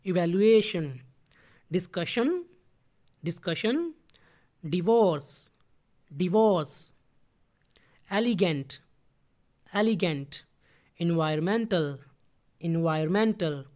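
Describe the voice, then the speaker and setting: Guy teaching words, says each one twice, patient, really unhurried. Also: high-pitched, a little mellow. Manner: short plain explanations, patient. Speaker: IELTS teacher. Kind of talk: vocabulary lesson, mixing Hindi and English.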